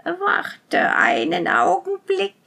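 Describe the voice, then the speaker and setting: A woman voicing a cunning old witch who rasps and whispers slowly with false friendliness. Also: very high voice, huge pitch swings, bright, forceful tone, voice pushed up, full character voice. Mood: falsely friendly. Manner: rasping, slow, whispery.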